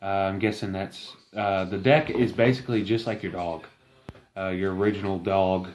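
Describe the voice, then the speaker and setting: A man giving a casual, rambling product review, enthusiastic but halting and full of fillers. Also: low voice, fairly even intonation, darkish tone.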